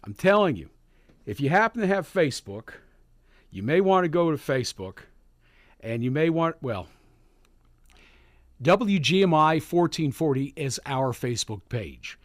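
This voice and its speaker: Male radio host, folksy, rambling, halting, lively pitch, dry studio sound. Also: dry recording. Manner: rambling, halting, folksy, calls listeners neighbor. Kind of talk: live morning radio chat. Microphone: studio mic.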